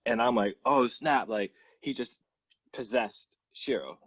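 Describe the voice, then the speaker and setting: Low-voiced laid-back podcast host, man. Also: measured pace, breathy edge, dry recording, highs cut off. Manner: relaxed, steady storyteller with many "um"s. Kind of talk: casual podcast chat.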